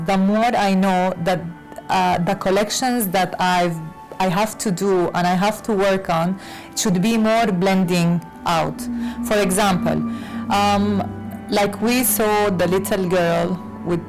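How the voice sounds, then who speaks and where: A woman fashion designer from Lebanon, raised in Latin America, answering interview questions with many pauses and fillers. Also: mid-range voice, steady tone, darkish tone, soft background music, poor audio. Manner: hesitant, many fillers and restarts. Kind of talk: conversational interview.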